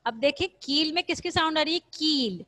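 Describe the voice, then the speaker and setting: Her voice sits high, bright, and forceful as this teacher delivers a recorded online lesson to young children. She goes over points again with patience, responds to her own questions, and mixes in English words.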